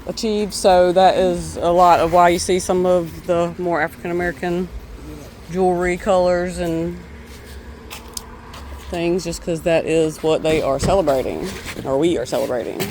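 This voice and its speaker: A man with a notably high voice talks casually and unscripted on a walking tour, pausing and correcting himself as he goes. He is outdoors by the water, with faint background noise. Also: steady tone, darkish tone. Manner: unscripted, stammering, chatty. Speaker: vlog host.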